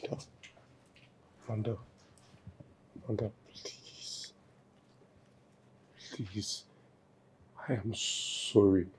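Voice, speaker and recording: An actor playing a remorseful young man, softly pleading with his partner to forgive him. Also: fairly low pitch, a little slow, pauses often, a little hiss or hum, lightly acted. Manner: pleading, soft and broken.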